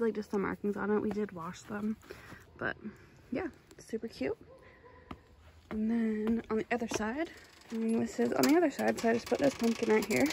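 A woman's voice: fairly high pitch, gravelly, a little mellow, a little hiss or hum. A woman in her twenties chatting casually to her phone camera while baking at home and showing off her porch. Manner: chatty, upbeat, chatty asides. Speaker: vlogger. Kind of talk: casual vlog narration. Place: home kitchen and front porch. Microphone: handheld phone camera.

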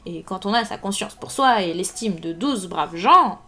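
A woman's voice: medium pitch, lively intonation, normal speed, pushed and bright. A woman reading aloud voices a frightened male servant accused of murder, protesting and stammering his denials over faint music. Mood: defiant. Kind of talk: live audiobook reading.

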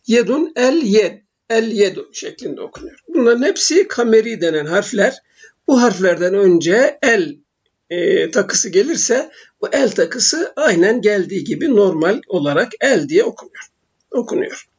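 A man teaching basic Arabic letters in a recorded lesson, speaking slowly and haltingly with frequent filler sounds. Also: high-pitched, sing-song, breathy edge. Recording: dull lo-fi recording.

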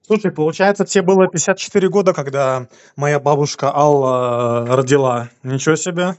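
A man in his thirties talks casually on the phone. His voice sits a little high for a man, and the recording is dry and dull. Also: fairly quick, dry recording. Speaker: great-grandson asking about family. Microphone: phone call.

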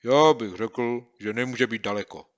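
A man's voice: medium pitch, dull audio, lightly acted. A man voicing a bold, scheming schoolboy sleuth who speaks with raised, emphatic delivery in an audiobook. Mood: keen. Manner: emphatic, declaiming threats. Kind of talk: audiobook character voice.

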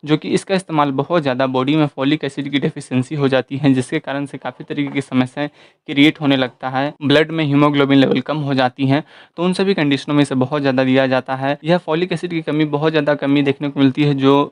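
A man giving an explanatory voice-over as host of an informational channel, listing points one after another at a steady pace. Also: a little high, quick pace, clear, resonant tone, no echo.

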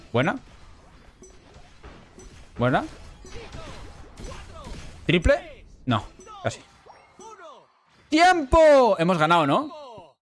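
Young Spanish man, gaming commentary, animated and fairly high, dry close-mic sound. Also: no room sound. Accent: Spain Spanish. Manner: excitable, swings between muttering and shouting. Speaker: gaming YouTuber. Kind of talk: live gameplay commentary.

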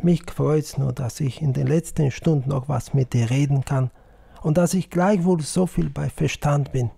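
Man doing a dying old farmer talking to his wife, slow and gentle, gravelly dark voice. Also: a little high, no echo, full character voice. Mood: tender resigned. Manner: slow, gentle, resigned speech. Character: dying old peasant husband, calm and tender. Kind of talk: audiobook reading.

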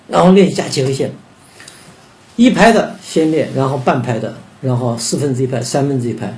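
An older man gives a rhythm lesson in a fairly high voice. He explains downbeats and upbeats, then sings out counting syllables to show each pattern. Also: mellow. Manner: demonstrates beats by singing syllables and counting aloud. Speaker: music teacher.

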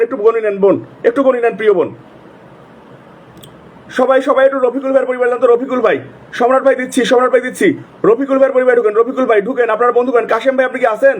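A man with a sore throat, hosting a live stream, calling out viewers' names over and over and urging them to join and comment. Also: very high voice. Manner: repetitive, urgent calling out of names. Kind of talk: live stream shout-outs.

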